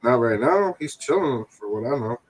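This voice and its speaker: A man's voice: mid-range voice, expressive, normal speed, poor audio. Laid-back man reading wrestling news. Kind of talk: casual chat.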